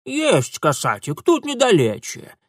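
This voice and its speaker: A man voicing a shrill, bossy old village woman who scolds in rustic dialect in an audiobook. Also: wildly swooping pitch, unhurried, no room sound, studio quality, full character voice. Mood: eager. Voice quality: shrill, screeching. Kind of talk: audiobook character voice.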